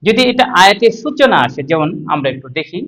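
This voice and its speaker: A man teaching Quran recitation in a class, explaining step by step and spelling out letters and vowel marks slowly. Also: high-pitched, very animated, fairly bright tone, rough recording. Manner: explains step by step, asks the class and answers himself. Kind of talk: classroom lesson on tajweed.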